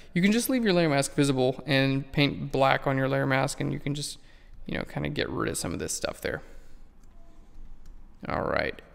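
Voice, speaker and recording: A man's voice: a little high, vocal fry, smooth, in a large hall. A man walking through a photo-editing tutorial in a casual, rambling way that keeps correcting itself. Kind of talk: screen-recorded software tutorial.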